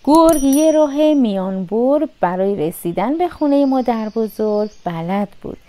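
A woman narrating a children's fairy tale with expressive, sing-song storytelling. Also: on the high side.

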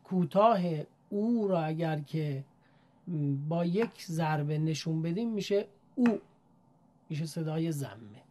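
A woman's voice: deep voice, animated, mellow. A woman giving a formal, polite lesson, patiently sounding out syllables one by one as a Quran teacher.

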